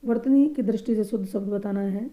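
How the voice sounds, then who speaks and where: Preparing students for an exam, a mid-range-voiced woman works through a grammar lesson. She explains each answer with patience and says every correct word again, slowly and softly.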